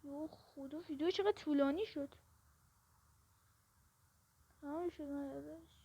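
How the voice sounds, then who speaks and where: A woman hosting a gameplay video offers casual commentary on a horror game, sounding jumpy and panicky and often repeating questions to herself. Her voice is high and warm, captured in a muffled lo-fi recording.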